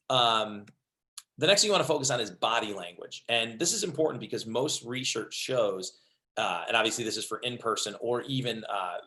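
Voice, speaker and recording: A man's voice: on the low side, sharp tone. Upbeat man giving a webinar talk. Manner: upbeat, conversational, many fillers. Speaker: HR and leadership presenter. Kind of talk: webinar presentation.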